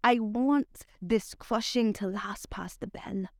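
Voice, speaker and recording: A woman poet with a transatlantic accent, part British and part Barbadian, recites her verse with deliberate, dramatic phrasing. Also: medium pitch, no echo, clean studio sound. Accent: transatlantic mix of British and Barbadian. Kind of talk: poetry recitation.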